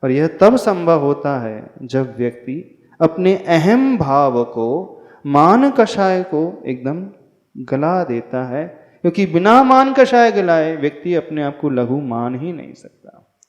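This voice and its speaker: A man's voice: fairly high pitch, sing-song, slow pace. A man, a monk, giving a spiritual discourse and teaching recitation, chanting verses and correcting pronunciation. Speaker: Jain monk teaching a hymn. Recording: echoey hall, dull lo-fi sound.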